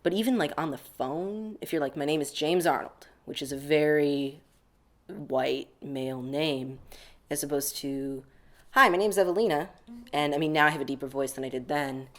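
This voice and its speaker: A young American man answers interview questions casually and reflectively, dropping "like" again and again. His voice is fairly high and moves at a normal speed.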